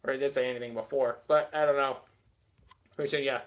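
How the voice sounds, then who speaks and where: A man's voice: medium pitch, steady tone, quick pace. A man hosting a live stream, rambling casually and answering chat with many filler words.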